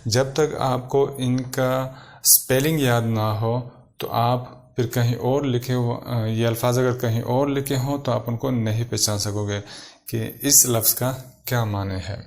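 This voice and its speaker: A man's voice: medium pitch, fairly even intonation, darkish tone. Patient male teacher repeating vocabulary words. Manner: slow, repeats each English word then gives its meaning. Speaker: English teacher. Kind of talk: vocabulary lesson.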